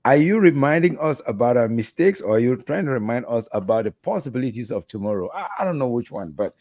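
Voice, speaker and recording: A middle-aged man hosting an interview over a video call from a hotel room, asking questions in an animated, playful way with rising emphasis. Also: medium pitch, fast talker, dry recording. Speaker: host. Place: hotel room while traveling. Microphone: headset with video call, red foam mic.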